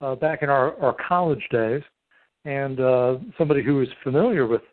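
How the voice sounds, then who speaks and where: A middle-aged man hosts a casual three-way phone call. He talks in a halting, wordy way at an average pitch. The sound is thin and tinny, like a dry phone line. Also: no room sound. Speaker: podcast host. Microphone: telephone call.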